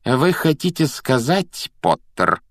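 A man voicing a strict older woman professor in a storybook reading, speaking in a cold, clipped, measured way. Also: mid-range voice, sing-song, dry recording, clean studio sound, voice pushed up, lightly acted. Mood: stern, cold.

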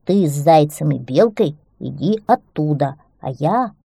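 A woman's voice: deep voice, expressive, measured pace, creaky, warm tone, breathy edge, no echo, studio quality, full character voice. A woman voicing an eager young bear cub who explains his plan emphatically in a storybook tale.

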